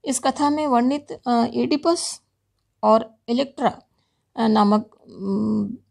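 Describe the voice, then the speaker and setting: Gravelly-voiced woman lecturing. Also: on the high side, a little mellow. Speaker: philosophy lecturer. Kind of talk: recorded university lecture.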